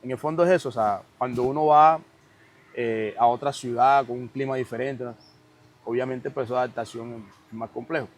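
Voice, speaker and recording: A man's voice: medium pitch, fairly even intonation, brisk. A man with a Caribbean Spanish accent from Cartagena, Colombia, explains things conversationally and emphatically, often checking that his listener follows. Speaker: podcast guest.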